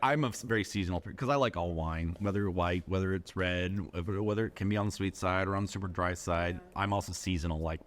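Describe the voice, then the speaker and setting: A man's voice: sits low, fairly even intonation, quick pace, few pauses, slight background noise. A man talking casually as a podcast guest, joking and playful, tossing in bits of German and fake French. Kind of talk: casual chat.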